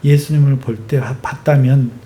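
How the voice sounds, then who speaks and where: A male pastor preaching a sermon, driving it with lively rhetorical questions and emphatic stress. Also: medium pitch, moderate pace, slight background noise.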